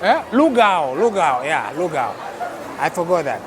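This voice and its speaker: With a fairly high, sing-song voice and a slightly slow delivery, a man from Texas vlogs his walk through an outdoor night food court, often sounding amazed. Behind his casual narration, the crowded street market is noisy with chatter and traffic.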